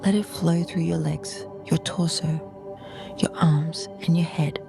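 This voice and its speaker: A woman leads a calm grounding meditation as a guide, speaking slowly and soothingly in short, measured phrases with a soft, breathy, half-whispered voice. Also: sits low, music in the background.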